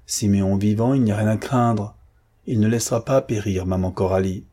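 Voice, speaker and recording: A man voicing a calm, confident gentleman who speaks in an assured, reassuring way in an audiobook. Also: fairly low pitch, a little fast, lightly acted.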